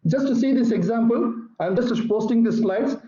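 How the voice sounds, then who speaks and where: High-pitched guy lecturing physics online, slow and repetitive, roomy dull sound. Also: very noisy. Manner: repetitive, patient explaining. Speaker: teacher. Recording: echoey, muffled online call audio.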